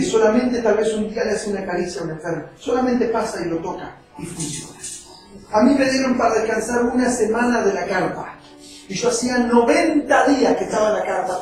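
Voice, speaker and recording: A high-voiced man preaches, weaving personal testimony into his sermon with heartfelt storytelling. His voice sounds distant from the mic and bounces around a very echoey hall. Faint music plays underneath. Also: a little mellow. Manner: emotional storytelling preacher, acting out quoted voices. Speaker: evangelist.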